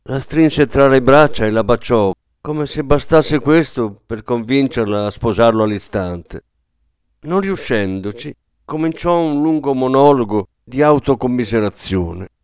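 A man giving calm, measured scripted narration of a literary story as an audiobook narrator. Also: medium pitch, clear, resonant tone, no room sound.

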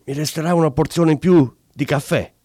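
A man voicing a furious wife who scolds in a shrill, high voice. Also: fairly quick, mellow, dry recording, studio quality. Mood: scornful.

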